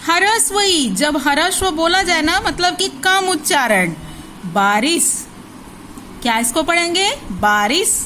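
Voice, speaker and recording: Woman teacher, high voice, very slow and drawn out, spelling words for little kids, faint hiss behind. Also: lively intonation, pushed and bright, rough recording. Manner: spells words syllable by syllable, asks questions and answers them herself. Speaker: primary school teacher. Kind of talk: slow, drilled recitation lesson for young children.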